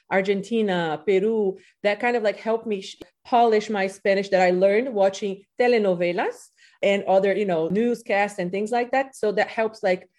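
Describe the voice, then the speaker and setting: A Brazilian woman in her thirties, whose first language is Portuguese, is a guest on a podcast, talking casually about teaching and leaning heavily on "you know." Her voice is mid-range and a little mellow.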